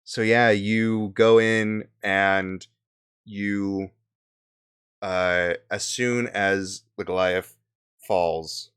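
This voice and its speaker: Brief: low-voiced man, smooth tone, game master narrating in a halting way. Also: steady tone, fairly bright tone. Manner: halting, many fillers.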